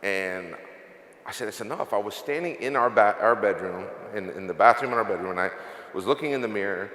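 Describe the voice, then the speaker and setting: A man's voice: fairly low pitch, quick pace, a bit bright. A man giving a confessional motivational speech at a convention, fighting back tears as he speaks. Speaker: company executive giving closing remarks. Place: large convention hall. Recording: echoey hall reverb.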